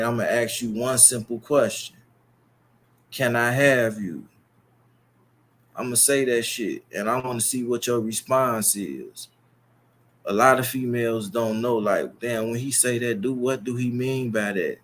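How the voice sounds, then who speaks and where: This YouTube streamer is a young man with a Chicago accent and a mid-range voice. He rambles on to his audience in a lengthy, bragging, foul-mouthed monologue.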